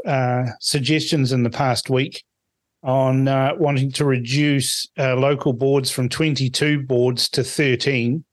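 A man from Fiji hosting a casual radio phone-in, speaking conversationally with a halting delivery. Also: medium pitch, no room sound. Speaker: radio talk show host.

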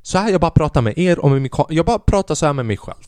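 A young man hosting a podcast, telling a comic, profane story as an animated rant. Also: on the high side, no room sound, studio quality. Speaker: podcast host. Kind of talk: comedic ranting monologue.

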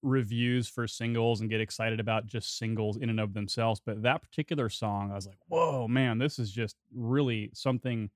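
A man's voice: medium pitch, steady tone, normal speed, hardly any pauses, no room sound, clean studio sound. A man hosting a metal radio show, chatting casually and loosely with his guest in a laid-back way. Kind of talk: casual interview chat.

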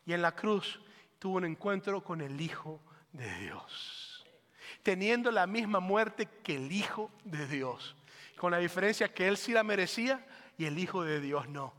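A male pastor preaching a sermon, swinging between fervent loud calls and hushed, pleading lines. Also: high-pitched, animated, unhurried, long reverb tail. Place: church sanctuary.

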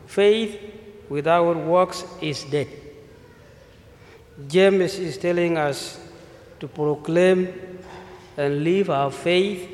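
Man, priest from South Sudan, measured sermon, slightly high voice, roomy church echo. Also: a little mellow. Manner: slow, measured delivery with listed phrases. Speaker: visiting priest. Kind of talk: mission appeal sermon. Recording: echoey church with long reverb.

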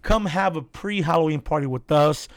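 A man's voice: a little high, normal speed, no echo, clean studio sound. A man hosting a podcast in casual talk, with frat-bro slang and plenty of swearing. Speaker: podcast host, comedy show promoter.

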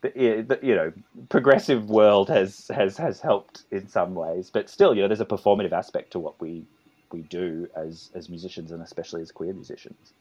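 Rambling Australian man, low voice. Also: moderate pace, darkish tone, muffled recording. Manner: rambling, many restarts and asides. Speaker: composer and conductor guest. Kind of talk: conversational interview.

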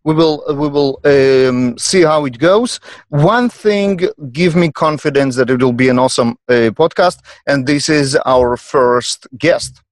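A man with a Russian accent hosting an unscripted podcast, speaking in a hesitant, halting way. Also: a little high, no room sound. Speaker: podcast host. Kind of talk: unscripted panel podcast introduction.

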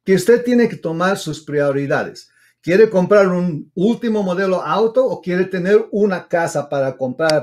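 A man with a slightly high voice speaks directly to his audience as an advice host. He is earnest and admonishing, circling back to repeat his points. His phrasing is halting and not quite fluent, with English loanwords mixed in. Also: a little mellow. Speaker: real estate agent hosting an advice show.

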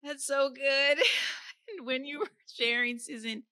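A woman hosting a faith podcast, encouraging her listeners and gently asking her guest questions. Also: sits high, unhurried, dry recording. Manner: warm encouraging, addresses listeners as friends. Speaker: podcast host.

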